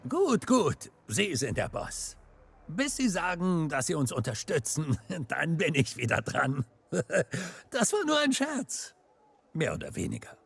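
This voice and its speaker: An actor playing a genial, joking park guide in a video game, with a jaunty, self-deprecating manner. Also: male voice, a little high, huge pitch swings, unhurried, creaky, breathy edge, exaggerated voice. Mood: teasing. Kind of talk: scripted video game character dialogue.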